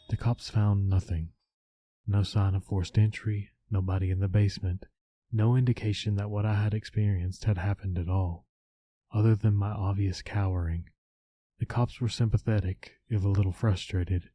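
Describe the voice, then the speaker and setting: A man reads a scripted scary story in the first person. His voice is low and very dark, with a soft, mellow edge. The delivery is haunting and measured, with faint music underneath. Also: fairly even intonation, no room sound. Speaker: horror story narrator. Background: background music.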